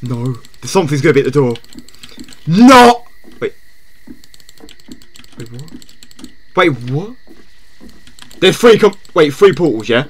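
Jumpy, lively-voiced male streamer. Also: on the high side, measured pace, long pauses. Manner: jumpy, repeats himself, yelps when startled. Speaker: live streamer. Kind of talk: casual live gameplay chat.

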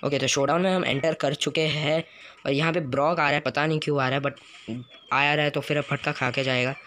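Excitable man narrating gameplay. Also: fairly high pitch, fairly quick, faint music behind. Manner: excitable, shouts and groans at the game. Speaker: gaming YouTuber. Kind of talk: live gameplay commentary.

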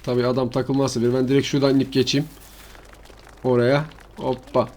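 A man's voice: mid-range voice, little pitch movement, brisk, darkish tone, a little hiss or hum. A man giving rambling, slangy commentary while showing a farming game map to his viewers. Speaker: gaming channel host. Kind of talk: casual gameplay commentary.

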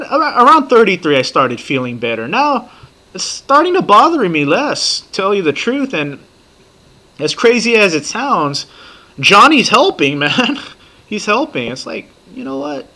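A man in his thirties talking casually and profanely in a rambling, excitable way while reacting to a TV show at his computer. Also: sits high. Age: 30s. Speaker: vlogger reacting to a TV series.

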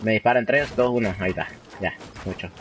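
Young male streamer from Honduras, casual chatter, medium pitch, faint noise. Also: rapid-fire. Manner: chatty, reads chat aloud, slangy, mixes in English phrases. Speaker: livestreaming gamer. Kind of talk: casual live gameplay commentary.

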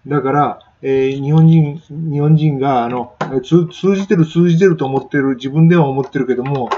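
A man's voice: medium pitch, darkish tone, lo-fi sound, a little hiss or hum. A man giving a casual spoken lesson on pronunciation, chatting and demonstrating sounds with exaggerated repetition. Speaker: English pronunciation teacher.

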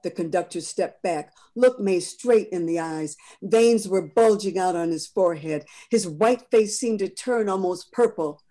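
A woman author reading a passage of her novel aloud over a video call, steady and expressive. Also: lowish voice, a little slow, hardly any pauses.

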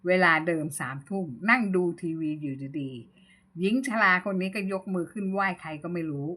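A woman narrating a ghost story as host, in a measured, unhurried reading. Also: lowish voice, lively intonation, pushed and bright.

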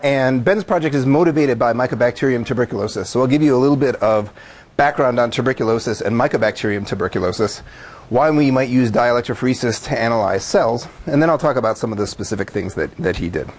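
A man teaching a university class in a middle-pitched voice. He lectures methodically, stacking up his points one after another. His tone is explanatory and steady. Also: quick pace. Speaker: university professor.

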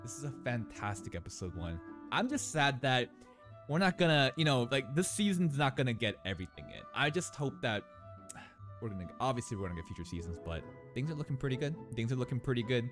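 A young man hosting an anime reaction video, talking casually with slang and swinging between loud outbursts and low muttered asides into a studio mic. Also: big pitch swings, fast, soft background music. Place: small bright indoor room. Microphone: large studio mic on a boom arm.

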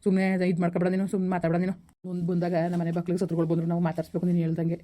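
A woman playing a family member who keeps calming everyone before leaving for duty, soothing and insistent, in a village family skit. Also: on the low side, racing, lightly acted.

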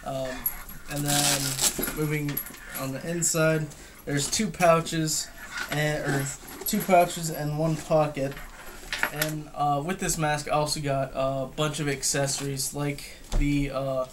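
Filmed by a camera across a table indoors at home, a young man gives an unscripted, casual gear review, matter-of-fact and hesitant. His rather high voice barely moves in pitch and he speaks slowly. Noise and clicks are plainly audible in the recording.

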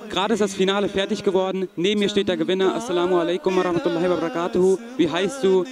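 A man's voice: sits high, little pitch movement, very fast. A young man reporting from a sports event in a large indoor hall, interviewing boys in a formal, announcer-like manner. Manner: formal, announcer-like, with religious greetings. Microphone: handheld mic. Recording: crowd chatter in a big hall.

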